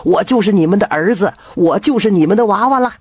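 A man voicing a cheeky young frog who talks like a person, bold and sure of himself, with a husky voice. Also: high-pitched, lively intonation, fast talker, darkish tone, no room sound, pitched above the performer's own voice. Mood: eager.

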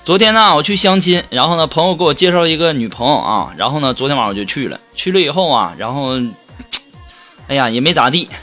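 A man hosting a comedy show, animated and laughing as he tells jokes. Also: fairly high pitch, quick pace. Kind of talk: joke telling for a radio-style show. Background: music.

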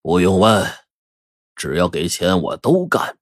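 A storyteller voicing a grim dark-faced hired thug who speaks low and cold. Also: male voice, big pitch swings, a little slow, no room sound, clean studio sound, heavily acted. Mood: cold menace.

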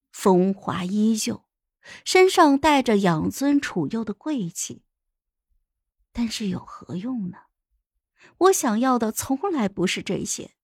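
A woman storyteller narrating a first-person palace story, softly dramatic and deliberate. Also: fairly high pitch, creaky, breathy edge, no echo, clean studio sound.

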